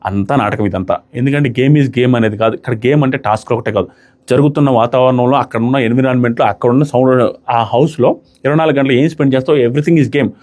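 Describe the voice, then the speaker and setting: A man giving a casual, animated spoken review of a reality show, rapidly recapping and quoting what others said. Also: medium pitch.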